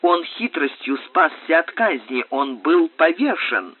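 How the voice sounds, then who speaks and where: A haughty, defiant nobleman, as a male reader plays him, firm and accusing, with a lively, fairly high voice. It comes through tinny, phone-like audio. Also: measured pace, husky, full character voice. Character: proud defiant male nobleman under arrest.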